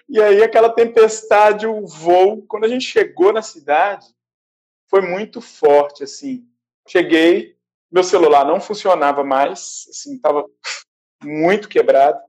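A Brazilian man casually recounting a stressful arrival on a trip, animated and acting out the people he met, laughing now and then. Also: high voice, unhurried. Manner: animated, acts out quoted voices, laughs often. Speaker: traveler recounting his trip. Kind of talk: casual storytelling. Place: a small shared house, indoors.

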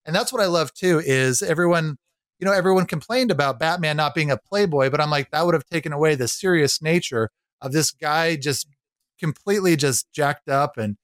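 A man's voice: a little high, a little fast, no echo, clean studio sound. A man co-hosting a casual podcast chat about movies, enthusiastic and acting out quotes from scenes. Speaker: podcast co-host.

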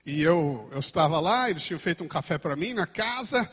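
Brazilian pastor guy, loud then soft, raspy-ish, big long echo. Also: a little high, brisk. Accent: Brazilian Portuguese. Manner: animated, swings between shouting and quiet asides. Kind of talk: sermon. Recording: echoey church hall.

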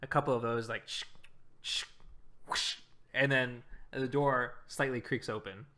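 A man running a tabletop game as game master, describing scenes with a relaxed, chatty manner. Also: medium pitch, unhurried. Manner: descriptive, relaxed narration with fillers.

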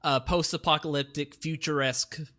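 A man's voice: on the high side, steady tone, moderate pace, sharp tone. A young man hosting a casual podcast, rambling with lots of fillers and laughing often. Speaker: podcast host. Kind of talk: casual chat.

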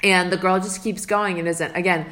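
A young woman tells a story on a podcast, animated and giggly, acting out the voices of the people in it. Her voice is low but bright and forward, and the room around her is roomy and echoing. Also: normal speed. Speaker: podcast host. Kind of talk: casual storytelling chat.

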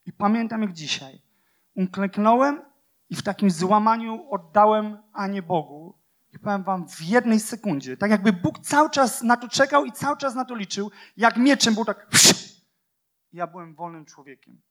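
High-voiced man preaching with passion. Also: normal speed. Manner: impassioned, swinging from loud declarations to hushed near-whispers; rhetorical questions and repeated phrases. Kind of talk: sermon.

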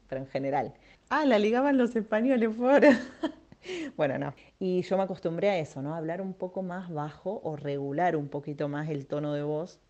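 Low, mellow Argentine woman chatting. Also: highs cut off. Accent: Argentine Spanish. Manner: chatty, self-mocking, lots of fillers. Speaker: podcast host. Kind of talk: casual monologue.

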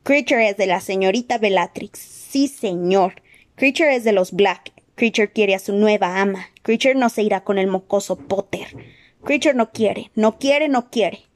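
A woman voicing a hoarse, stubborn male house-elf in an audiobook, repeating his refusals slowly in a booming voice. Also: close to an everyday voice. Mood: defiant. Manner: chanting refusals slowly and repetitively. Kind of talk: audiobook character voice.

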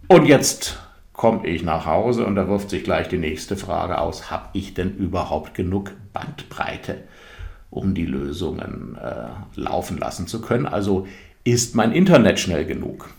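A man's voice: sits low, lively intonation, measured pace, vocal fry, darkish tone. A man talking through a casual explanatory monologue as a podcast host, conversational, with many fillers. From Germany. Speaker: podcast host and software consultant. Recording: echoey room.

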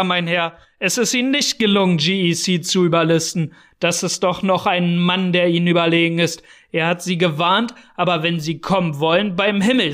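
A man voicing a short, explosive, arrogant older male scientist who blusters and sneers in an audiobook reading. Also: high-pitched. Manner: blustering and contemptuous, bursting into shouting.

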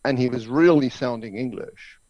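A man's voice: mid-range voice, moderate pace, a little mellow, no room sound. Man, interview guest, anecdotal, explanatory, dull lo-fi audio, dry. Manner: anecdotal, explanatory, says "so, so" and "right?". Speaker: interview guest, language educator. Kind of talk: storytelling in conversation. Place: office in Hong Kong.

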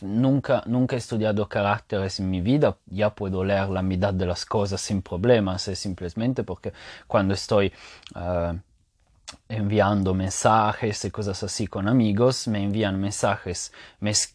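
A man hosting a language-learning podcast, talking things through in a casual monologue, pausing often on "eh" and checking in with "¿no?". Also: on the low side, no echo, studio quality. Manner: thinks aloud, with frequent "eh" pauses and "¿no?" tags; spells out examples slowly and repeats key points. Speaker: podcast host teaching Spanish.

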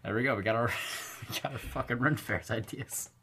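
A woman's voice: a bass voice, fairly quick, background noise. A woman co-hosting a casual podcast chat, blunt and swearing freely, laughing often. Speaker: podcast co-host.

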